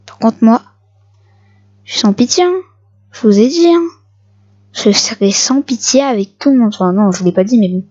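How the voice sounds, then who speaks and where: A woman giving casual gameplay commentary for her video channel, excitable and repeating short phrases at the game. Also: a little high, moderate pace, long pauses, lo-fi sound. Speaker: gaming video creator.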